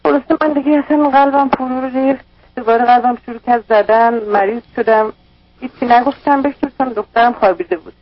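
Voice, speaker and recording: A woman's voice: fairly high pitch, steady tone, no echo. A woman calling a radio advice show, talking in a distressed, rambling way about her troubles. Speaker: caller. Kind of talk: call-in radio conversation. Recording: dull lo-fi radio broadcast.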